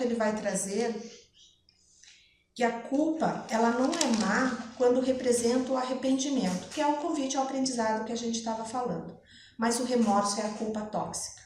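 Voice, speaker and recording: A woman's voice: fairly high pitch, a little mellow. A woman gives a conversational spiritist lecture, often asking her listeners "né?". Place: spiritist center hall. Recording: echoey hall with faint noise.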